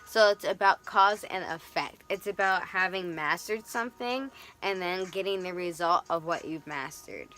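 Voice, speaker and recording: Young woman, tarot vlogger, low-ish bright voice, chatty and animated, faint music under. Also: moderate pace, few pauses. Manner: animated, chatty, swings into playful quoted voices. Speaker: tarot reader. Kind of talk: casual tarot reading vlog.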